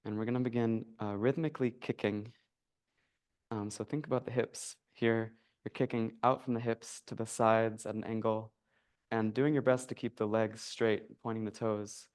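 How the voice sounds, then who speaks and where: A man teaching a yoga class, calmly guiding breath and movement. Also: lowish voice, normal speed, clean tone. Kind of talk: guided yoga class instruction. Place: yoga studio.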